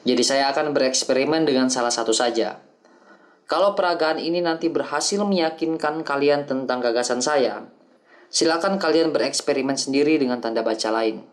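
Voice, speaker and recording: A man reading the lines of an older male acting teacher who explains things calmly and patiently in an audiobook. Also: mid-range voice, fairly quick, natural voice. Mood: instructive. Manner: calm, explanatory lecturing.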